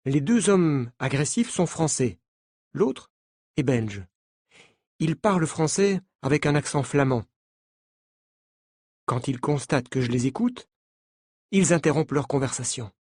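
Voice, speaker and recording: A male narrator reading a graded-reader story for language learners. He speaks slowly and clearly, his pitch moving a lot from phrase to phrase. The recording is close and dry. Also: darkish tone, dry recording. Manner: slow, clear, deliberate.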